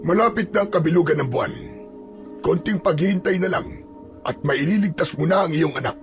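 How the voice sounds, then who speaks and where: A man voicing a calm older village man who speaks steadily and comfortingly in a horror story. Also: fairly high pitch, brisk, voice pushed up, close to an everyday voice. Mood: reassuring. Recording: music playing behind.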